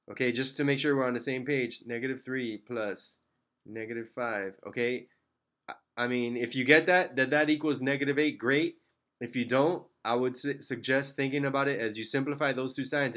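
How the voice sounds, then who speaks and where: A male math teacher explains each step of a problem at an even middle pitch. He talks plainly and checks in often with the class. Now and then he slips in a self-mocking aside. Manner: steady step-by-step explaining, frequent "okay?" and "all right?" checks; light self-deprecating asides. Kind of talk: recorded math lesson.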